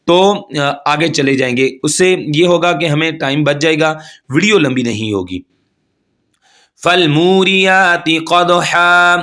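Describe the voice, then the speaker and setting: A man teaches tajweed in a steady, patient way. He explains each rule step by step, often checks in with his students, and recites the Arabic examples slowly with long held sounds. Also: fairly high pitch. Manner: patient, repeats each point and checks in with "theek hai"; chants Arabic words slowly and stretched out. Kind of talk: tajweed lesson.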